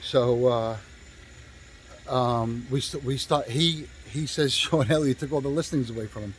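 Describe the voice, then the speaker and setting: Casting: man, real estate agent, loose rambling storyteller, salty language, lots of fillers, mid-pitched voice. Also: a little slow, a little hiss or hum, low-quality recording. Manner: rambling, profane, full of fillers and restarts. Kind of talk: casual storytelling.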